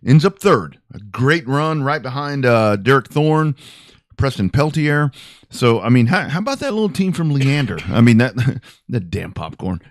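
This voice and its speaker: A man hosting a casual sports talk show, loose and rambling, laughing as he talks. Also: medium pitch. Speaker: podcast host.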